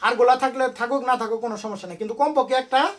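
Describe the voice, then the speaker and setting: A man's voice: extremely high pitch, fast talker, fairly bright tone. A man, tutoring students in an informal lesson and quizzing them with constant questions. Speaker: private tutor.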